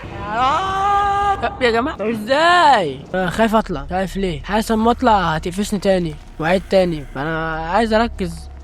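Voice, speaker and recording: Fast-talking Egyptian gamer. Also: male voice, high voice, slight background noise. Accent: Egyptian Arabic. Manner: jumpy, exclaiming, talks to viewers. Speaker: gaming channel host. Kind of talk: let's play commentary.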